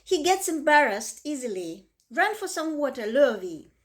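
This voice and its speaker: A woman's voice: sits high, very animated, moderate pace, voice pushed up. A woman reading the lines of a flustered, hollering farmer. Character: flustered excitable farmer, middle-aged man.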